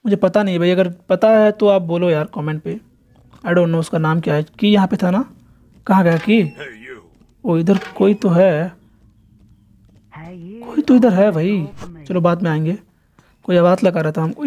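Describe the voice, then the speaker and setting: A young man giving casual, excitable commentary while playing a horror game and chatting to his viewers. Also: high voice. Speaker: gameplay streamer.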